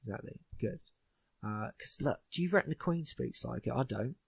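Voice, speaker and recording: A man's voice: medium pitch, animated, moderate pace, creaky, slightly rough. A young man hosting a podcast, ranting bluntly with plenty of swearing in casual chat. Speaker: podcast host.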